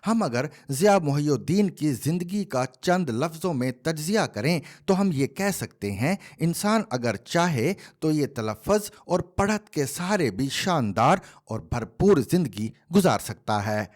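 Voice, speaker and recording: Male narrator, column read-aloud, measured and expressive, higher voice, animated pitch. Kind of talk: scripted narration.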